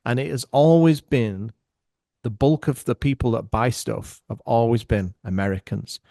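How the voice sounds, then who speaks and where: Animated man telling stories on a podcast. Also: mid-range voice, normal speed, vocal fry, dry recording, clean studio sound. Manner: animated, acts out other people's voices. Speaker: podcast guest. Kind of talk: casual storytelling chat.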